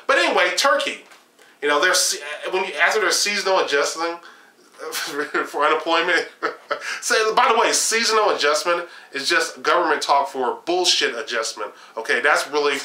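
A young man talks political opinions straight to camera, sarcastic and animated, gesturing as he speaks. His voice is on the high side with a roomy sound, and he fills his speech with fillers and restarts. He sits in a small home room lined with shelves of games.

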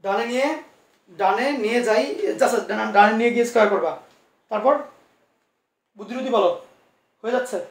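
A man's voice: high-pitched, fairly even intonation, fairly quick, long pauses, echoey room, far from the mic. A man teaching physics in an online class, reassuring his students and coaxing answers out of them with many asides.

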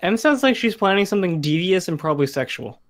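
Young dude gamer, a bit high-pitched, goofy self-mocking jokes. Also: male voice, big pitch swings, fast talker, a crowd in the background. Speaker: gamer friend. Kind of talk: casual gaming chat.

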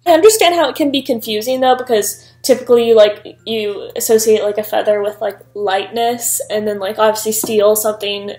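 High-voiced chatty young woman vlogger. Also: fairly quick, few pauses, dark tone. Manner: chatty, giggly, lots of fillers. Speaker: YouTuber. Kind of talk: casual reaction vlog. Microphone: laptop built-in mic.

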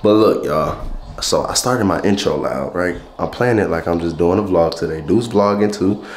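A young adult vlogger with a low voice and a blocked nose speaks at a moderate pace, chatting in easygoing slang and hyped greetings to a handheld camera at arm's length. The setting shifts from a small room to a big electronics store, with echo and slight background noise.

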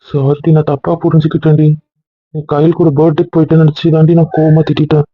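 A man's voice: fairly high pitch, monotone, fast, narrow, tinny audio. A man acting in an audio drama, pleading and apologetic.

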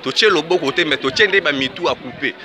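Man chanting names over a street crowd. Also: fairly high pitch. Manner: rapid name-calling in Lingala and French, echoing his partner. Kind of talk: call-and-response praise chanting. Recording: outdoor crowd behind.

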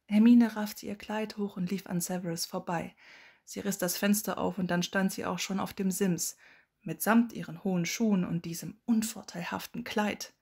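A woman narrating a fan fiction audiobook in a soft, often hushed delivery. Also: medium pitch, steady tone, moderate pace, gravelly, breathy edge. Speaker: audiobook reader.

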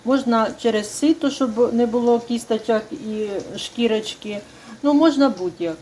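Mellow-voiced homely woman cooking. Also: a little high, slight background noise. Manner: unhurried, homely, chatty explanations. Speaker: cooking channel host. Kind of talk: home cooking demonstration. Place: home kitchen. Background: sizzling frying food.

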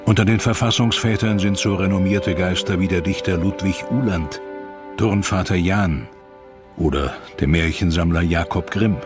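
A deep-voiced man narrates a historical documentary at normal speed, delivering a script with music clearly audible beneath his words.

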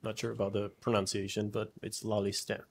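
A man's voice: on the low side, completely flat delivery, brisk, gravelly, a little hiss or hum. A man hosting a casual studio quiz, upbeat and teasing. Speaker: quiz host.

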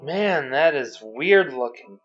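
A man's voice: a little high, animated, slow, highs cut off, faint music behind. Wry young man doing game commentary. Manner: casual, wry, off-the-cuff. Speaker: gamer doing a blind playthrough. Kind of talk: let's-play commentary.

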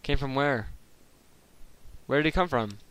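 A man talks over a video game, cracking jokes and riffing on the characters as they speak. His voice sits at a middle pitch and stays casual throughout. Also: unhurried, a crowd in the background. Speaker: gameplay commentator. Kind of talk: casual let's-play commentary.

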